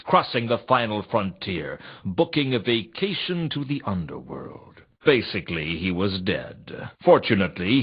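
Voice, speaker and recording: In scripted video game narration, a world-weary, wisecracking male private eye recounts his hardboiled noir case with a deadpan, dry, brooding delivery and a grim mood. His slightly husky voice is heavily acted, with a very mobile, dramatic pitch beneath the deadpan wit. The audio is a little dull and lo-fi.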